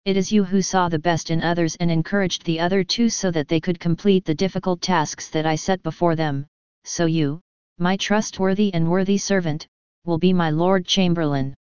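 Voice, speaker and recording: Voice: mid-range voice, fairly even intonation, normal speed, a little mellow, clear, resonant tone, dry recording, highs cut off, natural voice. A preacher voicing a stately, commanding king within a parable. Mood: approving. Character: demanding king, grand and commanding.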